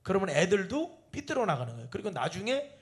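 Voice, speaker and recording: High-pitched, lively male preacher. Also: quick pace. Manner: addresses the congregation with rhetorical questions; acts out family dialogues in changing voices. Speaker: pastor. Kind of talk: sermon at an evening prayer meeting.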